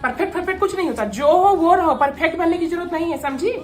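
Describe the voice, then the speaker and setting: A woman playing a doting, bossy mother-in-law in a comedy sketch, fussing and giving quick commands. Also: extremely high pitch, animated, faint music behind. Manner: scolds and fusses in quick commands. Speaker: comic sketch actor.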